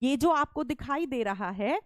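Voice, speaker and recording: A woman teacher giving an online lecture, explaining step by step, asking questions and answering them herself, speaking softly and chatting with her students. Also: high voice, lively intonation, measured pace, no echo. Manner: chatty, calls students "beta"; soft-spoken, won't shout.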